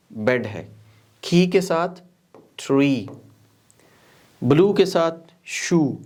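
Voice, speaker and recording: A man's voice: fairly high pitch, darkish tone. A man with a Pakistani accent teaching English pronunciation, repeating words one by one for learners. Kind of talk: classroom lesson mixing Hindi-Urdu and English.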